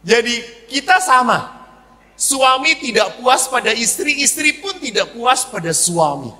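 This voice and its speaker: Male priest, high, expressive sermon voice, storytelling, echoing church acoustics. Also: measured pace. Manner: animated storytelling with acted-out quotes.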